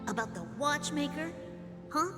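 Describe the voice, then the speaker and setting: A woman's voice: sits high, normal speed, natural voice. An actress playing an irreverent young woman, flippant and sarcastic as she challenges her confessor in a dramatic game scene. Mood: scornful challenge. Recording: long hall reverb with music behind.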